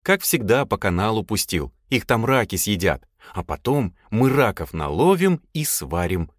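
A man's voice: on the low side, no echo, clean studio sound. A man voicing a chatty, nosy young man who whines and fires off questions. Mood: eager. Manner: excited, whiny, rapid questions.

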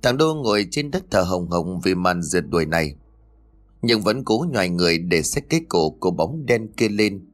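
A man narrating a first-person horror story in a tense, measured storytelling manner. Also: low-pitched, very animated.

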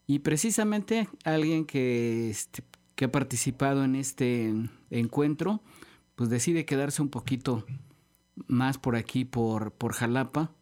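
A Mexican man hosting a relaxed radio chat from a studio, talking in a rambling way with many fillers and restarts. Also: mid-range voice, slow pace. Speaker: radio host. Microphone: studio microphone.

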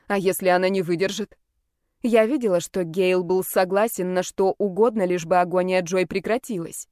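A woman reading a first-person audiobook with an even, expressive delivery. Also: mid-range voice, no room sound, studio quality. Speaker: audiobook narrator.

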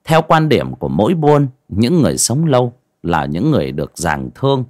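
A man narrating an audio story in an expressive storytelling manner. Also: medium pitch, brisk, no echo, clean studio sound.

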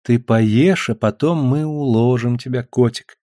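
A man's voice: mid-range voice, unhurried, dark tone, no echo, clean studio sound, lightly acted. A man reading a fretful, doting mother. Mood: soothing. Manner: fretful, then cooing and soothing. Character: anxious tender mother of two sons.

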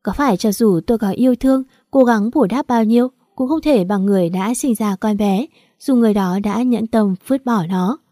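A woman's voice: on the high side, a little fast, dark tone, dry recording, clean studio sound. A woman reading a first-person story aloud in an earnest, emotional way. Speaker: story narrator.

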